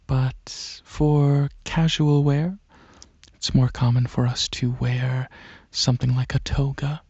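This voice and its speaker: A man takes on the part of a courteous, regal dragon alien prince for a quiet ASMR roleplay, delivering heavily acted lines in a breathy, husky mid-range voice. His manner is musing and hesitant as he explains. The audio is dull and lacks any room sound.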